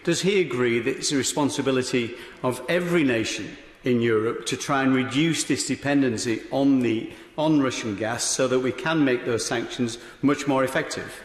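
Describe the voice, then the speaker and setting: Halting man in parliament, very echoey chamber. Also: mid-range voice. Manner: halting, polite. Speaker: member of parliament making an intervention. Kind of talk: formal parliament speech, putting a question. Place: large debating chamber. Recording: echoey hall, long reverb.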